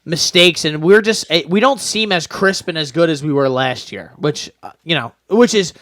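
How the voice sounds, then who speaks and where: A man's voice: a little high, expressive, moderate pace, a bit bright, no echo, clean studio sound. A young man co-hosting a casual sports podcast, laid-back and rambling with lots of fillers. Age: young adult. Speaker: podcast co-host.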